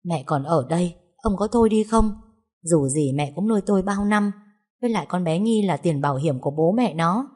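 Woman reading upset wife scolding her husband, lowish voice, audio story. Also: expressive, brisk, warm tone. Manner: pleading, scolding. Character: distressed middle-aged wife pleading with her husband.

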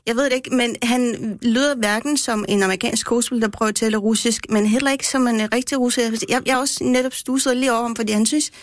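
A woman's voice: on the high side, steady tone, hardly any pauses, no room sound, studio quality. A woman guest in a casual radio discussion, explaining her views at length with many restarts. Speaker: guest critic who speaks Russian.

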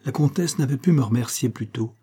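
A man's voice: mid-range voice, brisk, dark tone, breathy edge, natural voice. A man reading the part of an anxious, loyal male government aide in an audiobook, speaking earnestly.

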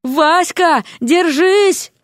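A woman voicing a feisty young frog-girl who scolds and shouts sharply. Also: high voice, steady tone, fairly quick, no room sound, clean studio sound, voice pushed up. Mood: furious.

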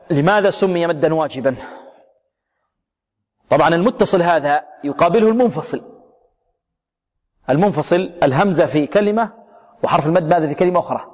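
A man teaching the rules of Quran recitation, asking questions and answering them himself, with slow, drawn-out recited examples. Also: on the high side, darkish tone, big-room sound. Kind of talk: tajwid lesson with recited examples. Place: radio broadcast studio.

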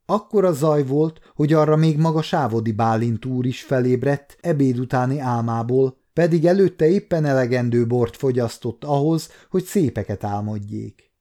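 A man in his fifties calmly narrating an audiobook. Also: mid-range voice. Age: 50s. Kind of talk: scripted narration.

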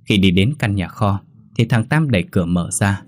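A man narrating a ghost story in a steady, measured reading voice. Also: lowish voice, no echo, studio quality.

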